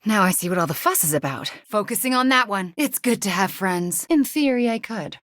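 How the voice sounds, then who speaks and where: A woman voicing a young witch superheroine in a video game, gentle, earnest and haunted by guilt, with a soft, sometimes breathy delivery. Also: mid-range voice, animated, fairly quick, dry recording, studio quality, close to an everyday voice. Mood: upbeat, warm.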